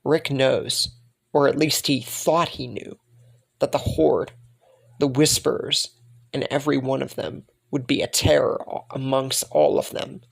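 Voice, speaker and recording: A young man narrating a fan-made story in a slow, dramatic way, repeating words for emphasis. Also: medium pitch, little pitch movement, creaky, breathy edge.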